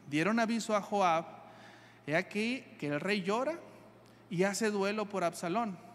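A man's voice: high voice, slight background noise. Guy preaching, reads the bible out then explains it, says things over and over, lots of hall echo. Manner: reads scripture aloud and then explains it, with earnest repetition. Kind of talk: sermon. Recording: long hall reverb.

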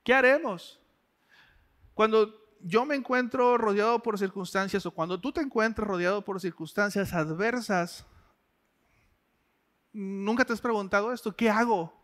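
A man's voice: sits high, moderate pace, a bit bright. A man preaching a sermon in a conversational way, asking the listener direct questions.

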